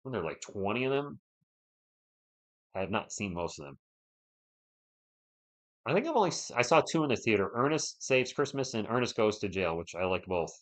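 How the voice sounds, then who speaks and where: This man speaks on the low side with a sing-song lilt, at a moderate pace broken by long pauses. He has a sore throat and is losing his voice while casually calling a basketball game live, chatting with viewers and answering their messages between plays. The stream audio is dull and lo-fi.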